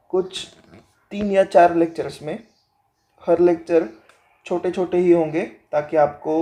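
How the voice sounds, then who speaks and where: Slow-talking male teacher with a sore throat. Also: fairly high pitch, mellow. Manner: slow, reads the textbook aloud then explains it; mixes Hindi and English. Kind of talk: classroom lecture.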